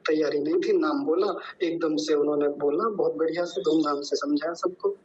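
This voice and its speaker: A man leading an online class by call, relaxed and encouraging, and gently correcting a student. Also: a little high, moderate pace. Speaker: class leader. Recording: dull lo-fi call audio.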